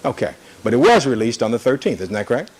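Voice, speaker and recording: A man's voice: medium pitch, sing-song, fast talker, slight background noise. Male attorney, courtroom recording: mid-range voice, insistent, repeats leading questions. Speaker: attorney cross-examining. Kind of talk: courtroom cross-examination.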